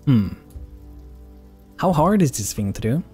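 A man streams a video game with casual, rambling commentary. His voice is mellow and medium in pitch, and he often repeats words for emphasis. Quiet music plays underneath. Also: very animated, measured pace, breathy edge. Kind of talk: casual live gameplay commentary.

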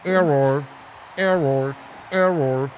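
A man voicing a glitching male commentary robot that repeats flat error announcements. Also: fairly high pitch, slow pace, over a noisy crowd, pitched below the performer's own voice, rough recording. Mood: malfunctioning.

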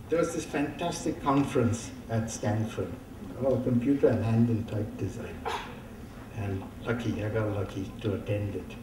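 A man speaks into a lectern mic in a large auditorium, his voice mellow and soft-edged. He reminisces in a halting way, with many fillers and restarts. The sound is roomy and distant, picked up from far across the hall, with faint background hiss. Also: medium pitch. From India. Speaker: keynote speaker. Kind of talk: conference keynote talk. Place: large dark auditorium stage. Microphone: lectern microphone, heard from far off.

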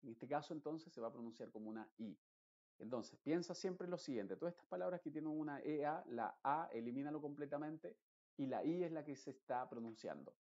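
Male teacher, patient explainer, mellow voice, muffled lo-fi recording. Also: a little high, animated, fairly quick. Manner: explains patiently, stretches vowels, reads word lists aloud. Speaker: English pronunciation teacher. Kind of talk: recorded online lesson.

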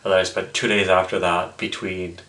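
A man in his twenties vlogs in a lowish voice, audibly tipsy. He rambles in a casual, halting way, circling back over his own words. Small asides come out with mock indignation. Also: little pitch movement, pushed and bright. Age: 20s. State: tipsy from drinking. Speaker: vlogger. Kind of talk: casual rambling vlog to camera. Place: small indoor room with block wall, seated close to camera.

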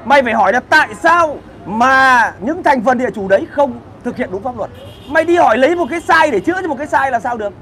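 A man's voice: very high-pitched, animated, fast talker, sharp tone, slight background noise. A man, hosting a casual livestream where he rants crudely and combatively while answering comments.

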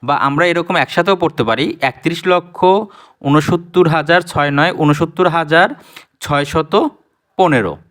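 Slow, smooth-voiced Bangladeshi Bengali teacher. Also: male voice, on the high side, fairly bright tone. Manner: slow, counting digits aloud, pausing to correct himself. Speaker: primary school math teacher. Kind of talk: online lesson explaining place value.

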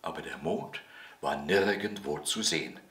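Expressive male bedtime storyteller. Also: a bass voice, measured pace. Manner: gentle, expressive reading. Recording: roomy echo.

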